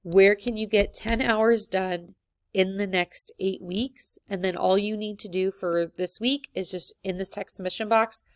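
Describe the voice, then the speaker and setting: A woman's voice: mid-range voice, fairly even intonation, a little slow, no room sound. A woman teaching a college course, talking through the week's assignments in a casual, friendly way with plenty of ums. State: has the hiccups. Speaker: college instructor. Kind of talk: recorded course walkthrough.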